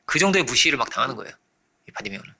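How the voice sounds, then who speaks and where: A man preaching a sermon as pastor, animated, often checking in with his listeners and acting out the voices in his story. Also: medium pitch, rapid-fire, gravelly, breathy edge. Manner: animated, acts out quoted voices; frequent rhetorical checks to congregation.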